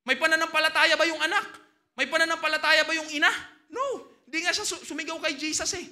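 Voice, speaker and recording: A man with a Filipino accent preaching a sermon as pastor, swinging from loud exclamations to hushed asides. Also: very high voice, steady tone, fast talker.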